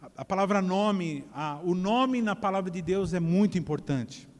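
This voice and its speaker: A man's voice: high-pitched, normal speed. A man preaching a sermon in church, talking in a loose, joking way and often restarting his words. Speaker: pastor. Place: church hall. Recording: long echo of a church hall.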